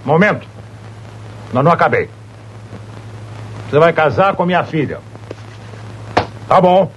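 A mocking domineering rich boss. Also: male voice, fairly high pitch, lively intonation, unhurried, a bit bright, dull audio, slight background noise. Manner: mocking, bossy, theatrical. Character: domineering wealthy male boss, father.

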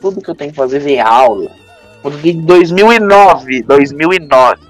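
Laughing frequently, a young man with a Brazilian Portuguese accent hosts a relaxed podcast, telling funny stories packed with slang. He speaks at a moderate pace in a slightly high, expressive voice. Soft music plays behind him.

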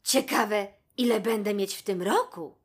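A woman voicing a cheerful, dreamy female giraffe in a children's story, loud and delighted. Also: mid-range voice, measured pace, breathy edge. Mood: wondering.

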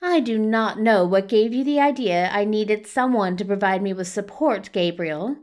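A woman reading a story aloud, voicing a fussy gentleman who answers softly and with dry sarcasm. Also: medium pitch, moderate pace, lightly acted. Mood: prim sour. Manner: soft, clipped, primly sarcastic.

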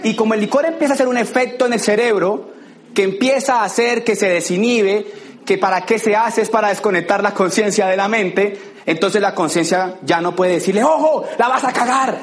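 High-voiced Colombian man giving a motivational talk. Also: a little fast, echoey room. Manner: animated, acts out scenes with sound effects. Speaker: motivational speaker. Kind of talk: motivational talk to a live audience.

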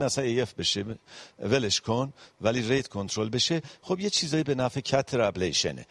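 A man giving a medical panel lecture on cardiology, explaining step by step with frequent pauses and English medical terms mixed in. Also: mid-range voice, no echo. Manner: mixes English medical terms into his speech.

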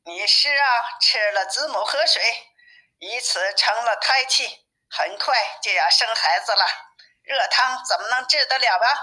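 A woman's voice: fairly high pitch, unhurried, bright, forceful tone, rough recording. A woman doing a chatty old village woman. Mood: explaining. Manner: chatty, explaining at length. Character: talkative old village woman, matter-of-fact.

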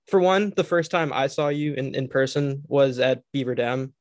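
A young man with a stuffy, nasal voice from a cold, hosting a sports podcast and halting through many fillers and restarts. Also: medium pitch, dry recording, clean studio sound. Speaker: podcast host. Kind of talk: casual sports interview.

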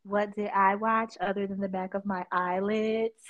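A woman's voice: mid-range voice, little pitch movement, moderate pace, lo-fi sound. A pregnant woman co-hosting a podcast in casual chat, blunt and profane, telling stories with dramatic flair. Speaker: podcast co-host.

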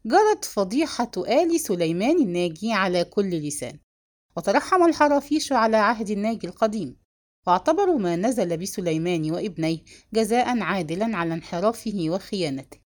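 A woman narrating a novel in a measured, expressive storytelling manner. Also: mid-range voice. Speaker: audiobook narrator.

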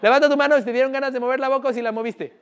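Rapid-fire and extremely high in pitch, his clean voice carries a Mexican Spanish accent as he runs a live sales session. The trainer is energetic and constantly asks the room questions.

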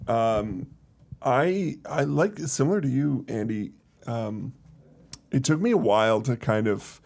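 A man's voice: mid-range voice, expressive, a little slow, creaky, darkish tone. Teasing man co-hosting a podcast. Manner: teasing, with fillers. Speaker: podcast co-host. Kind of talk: casual chat. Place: studio.

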